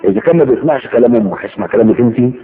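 A man's voice: mid-range voice, very fast. A man with an Egyptian Arabic accent giving a religious lecture, telling stories and acting out the people in them. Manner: lively storytelling, acting out quoted dialogue. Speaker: preacher. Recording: tinny phone-like line with faint noise.

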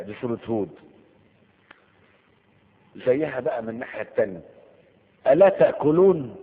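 A man's voice: fairly low pitch, vocal fry. A man with an Egyptian accent giving a lecture on Quranic rhetoric, asking his listeners rhetorical questions and acting out stories dramatically. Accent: Egyptian Arabic. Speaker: religious teacher. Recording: tinny phone-like sound with long hall reverb.

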